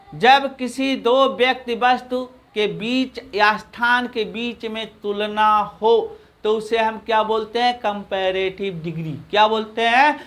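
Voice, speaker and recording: A man with a Hindi accent teaching an English grammar lesson, repeating phrases slowly and answering his own questions. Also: very high-pitched, fairly bright tone.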